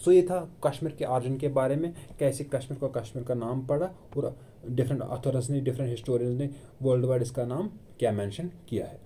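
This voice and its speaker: Mellow-voiced man teaching a coaching class. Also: medium pitch, a little fast, slight background noise. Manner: asks and answers his own questions, repeats key terms; Hindi with English terms mixed in. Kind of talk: classroom lecture. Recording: online video lecture.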